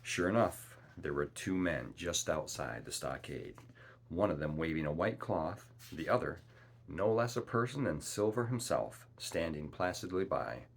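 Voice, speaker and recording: A man reads a classic novel aloud in a steady, unhurried way. His voice is very deep. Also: vocal fry, husky. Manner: measured, calm storytelling. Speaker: audiobook reader.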